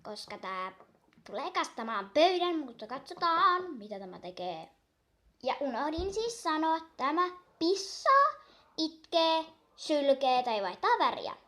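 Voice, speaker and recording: A young girl chatting casually while unboxing a toy, gushing and excitable, counting down aloud. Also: high voice.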